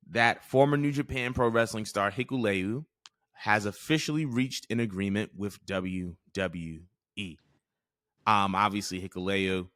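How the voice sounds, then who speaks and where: A man co-hosting a casual chat show, leading the topics in a clear, steady, presenter-like way. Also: low-pitched, no echo, studio quality. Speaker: podcast co-host.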